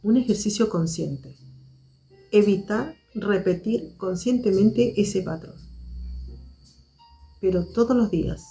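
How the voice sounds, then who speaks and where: A woman hosting a live stream, speaking to her viewers in a measured, reflective way and repeating her key points. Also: mid-range voice, dark tone, soft background music.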